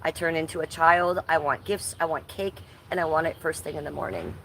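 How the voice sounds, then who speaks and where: A woman in her fifties hosts a casual livestream from her front yard, playfully greeting viewers by name as roofers work faintly in the background. Her low, slightly bright voice is brisk, and the recording sounds rough.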